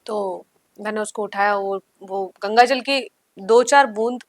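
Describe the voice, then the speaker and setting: A guest singer on a podcast, a woman with a medium-pitched voice, tells a story vividly at a measured pace. She acts out things she once said, and there's no echo.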